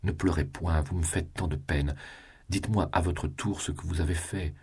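A man voicing an anxious, loving provincial noblewoman in an audiobook, in soft, pleading lines. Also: deep voice, fairly even intonation, normal speed, breathy edge, heavily acted. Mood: tender. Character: tender anxious noblewoman, a provincial mother in love.

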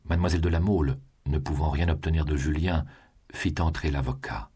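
A man reading a classic novel aloud in steady, measured narration. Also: rumbling low, husky. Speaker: audiobook narrator.

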